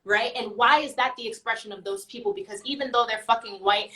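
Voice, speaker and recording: A woman's voice: a little high, fairly quick, sharp tone. A young woman in casual conversation, blunt and profane, agreeing emphatically. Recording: roomy echo.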